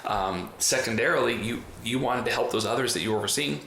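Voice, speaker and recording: With a medium-pitched, sharp voice marked by vocal fry, a male podcast host and trainer talks quickly during a conversational interview. His manner is chatty and wordy; the recording, made in an indoor room in the US, has a roomy echo and faint background noise.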